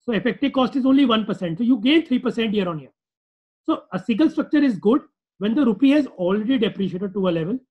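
A man's voice: very high voice, lively intonation, fast talker, husky, muffled recording. A man with a North Indian accent presenting an informal finance webinar in a conversational, repetitive way with rhetorical questions. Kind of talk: informal webinar lecture with acted-out client dialogue.

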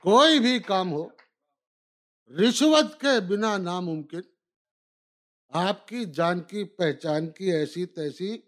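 A man with a high voice recites humorous, satirical poetry in the mushaira style. He declaims in measured phrases, repeating lines as refrains. Between verses he slips into spoken asides to his listeners. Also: expressive. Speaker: humorous Urdu poet performing at a poetry gathering.

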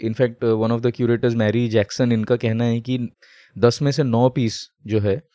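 A man's voice: mid-range voice, steady tone, slow pace, warm tone, no echo, studio quality. A man co-hosting a casual podcast, explaining at length with many fillers and English phrases mixed in. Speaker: podcast co-host. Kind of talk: casual chat.

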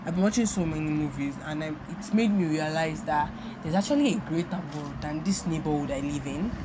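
A young woman from Nigeria, speaking with a Nigerian accent, hosts her podcast alone in a loose, reflective ramble that circles back on itself a lot. Her voice sits low and moves fairly quickly over a noisy background.

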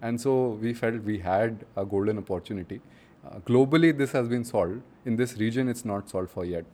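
A man's voice: fairly low pitch, brisk, dark tone. A man with an Indian accent, a founder answering interview questions in a casual, conversational way. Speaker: startup founder, interview guest.

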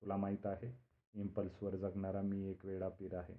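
A man's voice: low-pitched, completely flat delivery, normal speed, close to an everyday voice. A man voicing the narrator's impulsive, carefree young friend, who answers in an offhand, evasive way. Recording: narrow phone-like band.

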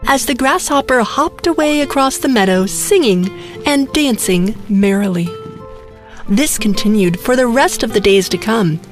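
A woman's voice: a little high, lively intonation, moderate pace, soft background music. A woman narrating a scripted bedtime story for children.

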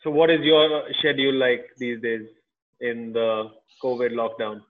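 A man's voice: mid-range voice, level tone, unhurried. A man with an Indian accent hosting a casual podcast interview in informal, friendly slang. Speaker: podcast host interviewing a guest. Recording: thin phone-like call audio.

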